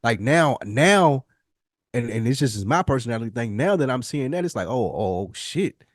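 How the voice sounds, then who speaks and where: An American podcast host with a very animated, mid-range voice talks at normal speed in a casual, reflective conversation with his co-host. He's earnest, rambling and emphatic, using slang and swearing, and the clean studio sound has no echo.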